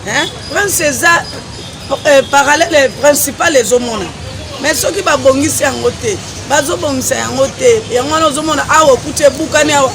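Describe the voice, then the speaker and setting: A man's voice: extremely high pitch, a little fast, a crowd in the background. A man in a street interview, complaining insistently, outdoors on a city street. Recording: noisy street with traffic and people.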